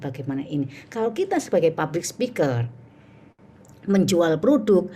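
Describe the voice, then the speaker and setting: A woman's voice: lowish voice, slight background noise. A woman teaching public speaking in an online workshop over a video call, acting out little sales dialogues as she goes. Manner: animated, acts out sales dialogues.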